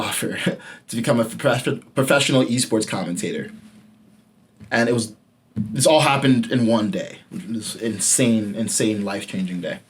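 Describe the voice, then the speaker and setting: A casual, candid personal story comes from a podcast host in his late twenties, who swears liberally and drops to a low voice when driving a point home.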